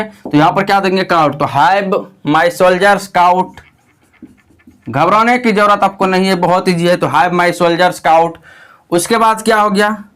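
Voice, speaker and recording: A man's voice: high voice, a bit bright, clean tone. A young man with a Bihari Hindi accent teaching an online English grammar lesson, patient and repetitive, reassuring his students as he goes. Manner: patient, repeats phrases, reassuring asides to students.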